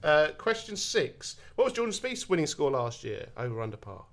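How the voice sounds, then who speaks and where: Animated Essex man hosting a quiz. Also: fairly high pitch, normal speed. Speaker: quiz host. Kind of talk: casual podcast quiz chat.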